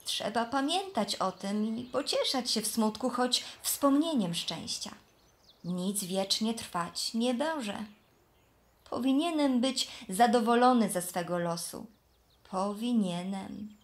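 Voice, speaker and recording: A woman's voice: a little high, animated, slow pace. A woman voicing a naive, cheerful young flax plant in a children's storybook. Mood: resigned. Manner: gentle, earnest.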